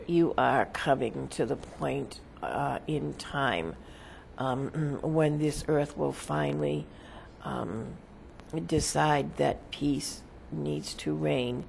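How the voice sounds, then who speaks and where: Creaky, very slow seance medium in trance. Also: medium pitch, slight background noise. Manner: halting, solemn, formal phrasing. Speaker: seance medium, trance channeler speaking as a spirit. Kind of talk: seance medium trance channeling, answering questions as a spirit.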